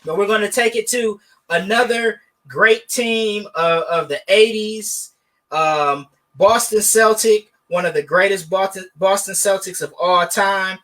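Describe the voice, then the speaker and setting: A man co-hosting a podcast, animated and joking, with sarcastic asides in casual sports debate. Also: high voice, measured pace. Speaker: podcast co-host.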